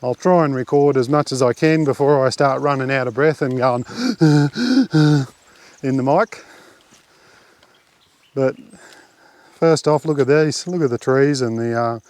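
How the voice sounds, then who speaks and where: An Australian man vlogging outdoors on a bush track, chatting in a relaxed, rambling way with lots of fillers into a handheld camera mic. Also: medium pitch, moderate pace, clean tone, no echo. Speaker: camping vlogger. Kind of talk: casual walking commentary.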